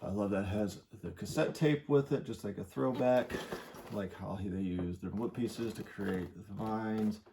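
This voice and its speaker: Lower-voiced guy rambling happily about his toy haul, bit out of breath, noisy room with clicks. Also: unhurried. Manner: enthusiastic, rambling, many fillers. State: slightly out of breath. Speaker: toy collector vlogger. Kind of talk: casual unboxing commentary. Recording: clear background noise.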